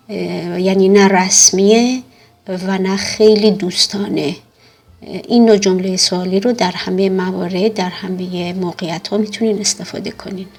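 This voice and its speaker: Low-voiced husky woman teaching French. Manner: careful, slowed pronunciation of French examples; hesitant fillers between phrases. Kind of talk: grammar lesson explanation.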